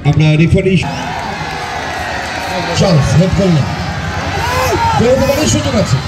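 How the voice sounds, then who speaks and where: A man's voice: high voice, sing-song, measured pace. A man giving frantic, exclamatory live football commentary outdoors at a local ground. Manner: exclamatory, addresses the crowd. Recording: loud crowd and outdoor street noise. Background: loud crowd, outdoor urban noise.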